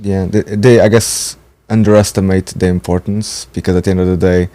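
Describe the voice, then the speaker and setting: A Portuguese man in his twenties, taking part in a training session, chats casually, speaking fluently and thoughtfully in long sentences. His deep, warm voice stays level and runs a little fast.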